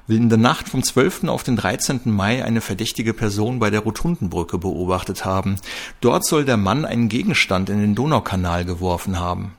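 A man's voice: fairly low pitch, expressive. A man voicing a busy male police colleague reporting to his boss. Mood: brisk. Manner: brisk reporting.

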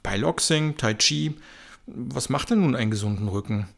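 A man's voice: medium pitch, animated, normal speed, vocal fry, a bit bright, pitched above the performer's own voice. Man voicing Tabata, a chatty fitness mum. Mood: eager. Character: chatty fitness-mad young mother, woman. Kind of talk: comic audio story.

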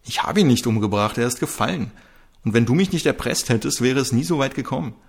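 A man voicing a furious, cornered young woman who shouts and sneers crudely. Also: mid-range voice, animated, fast, creaky, slightly rough, pitched above the performer's own voice. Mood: shouting.

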